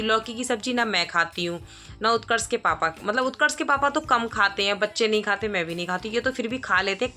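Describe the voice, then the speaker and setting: A woman in her thirties chats through a voice-over for her daily home vlog. She rambles easily, restarting sentences and filling pauses as she goes, at an ordinary mid pitch. Soft music plays faintly beneath her. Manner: chatty, rambling, many fillers and restarts. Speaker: vlogger. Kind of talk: casual voice-over narration.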